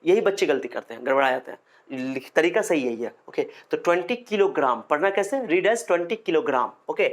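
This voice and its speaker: A man's voice: on the high side, animated, moderate pace. A man giving a physics lecture at a board, repeating key points emphatically and having students say terms back after him. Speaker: physics teacher.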